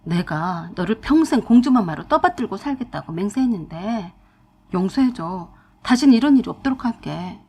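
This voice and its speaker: A woman's voice: mid-range voice, animated, normal speed, a little mellow, husky. A woman voicing a weak-willed young husband who pleads and sulks in a storytelling narration. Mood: pleading.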